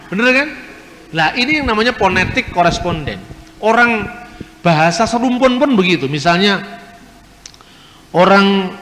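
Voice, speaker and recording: A man's voice: high-pitched, a bit bright. A man delivers a religious lecture in a slightly raised voice, laying out each point patiently and stopping to throw rhetorical questions at his listeners. His voice rings with a long hall reverb that trails behind every phrase.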